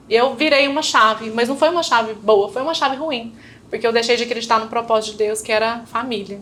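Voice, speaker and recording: A woman's voice: on the high side, a bit bright, a little hiss or hum. A woman with a Brazilian Portuguese accent, a guest telling her own story in casual chat and acting out remembered conversations. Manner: storytelling, acting out remembered dialogue, frequent tag questions. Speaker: interview guest. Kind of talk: personal testimony in casual chat.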